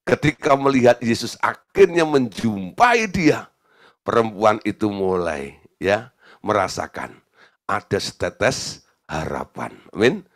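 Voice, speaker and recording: Animated male preacher, lively pitch. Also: takes it slowly. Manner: animated, acts out quoted voices, asks the congregation questions. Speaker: pastor. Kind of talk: sermon.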